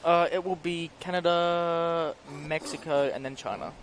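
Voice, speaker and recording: A man's voice: on the high side, fairly even intonation, a little slow, a little hiss or hum. A young man co-commentating on diving in an easygoing, upbeat way. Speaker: diver, co-commentator. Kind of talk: live sports commentary. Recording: music behind commentary.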